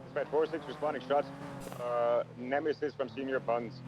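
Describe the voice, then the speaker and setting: A man's voice: mid-range voice, fairly even intonation, moderate pace, muffled recording, over music. A man, a police officer, giving businesslike scene reports over a walkie-talkie radio. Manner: procedural, businesslike radio talk.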